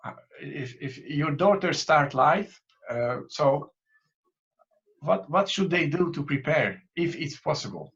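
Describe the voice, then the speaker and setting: A man's voice: on the high side, animated, slow, a bit bright. A man from Hungary with a Hungarian accent, interviewing a guest in English with a hesitant manner. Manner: hesitant, many fillers and restarts. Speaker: interviewer, channel host. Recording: dull lo-fi audio.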